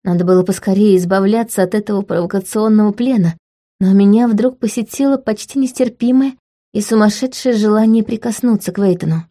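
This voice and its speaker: Mellow-voiced woman narrating an audiobook. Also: mid-range voice, brisk. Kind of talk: scripted first-person narration.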